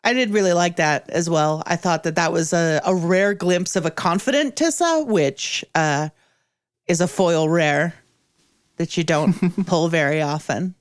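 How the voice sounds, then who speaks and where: A woman running a tabletop game as game master, narrating slowly, then chatting as podcast host. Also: fairly low pitch.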